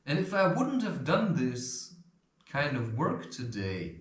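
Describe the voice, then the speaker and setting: In an echoey room, a man hosting a self-help video offers loose, rambling spiritual advice, swearing and chuckling along the way. His medium-pitched voice is very animated but slow, and he stutters now and then.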